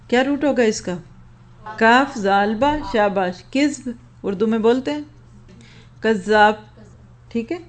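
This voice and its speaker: A woman teacher leads a Quran vocabulary lesson, patient and encouraging with her class. She breaks words down to their roots and recites the verses at a slow, careful pace. Her voice sits at an ordinary middle pitch. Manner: encouraging, praises students, recites verses slowly.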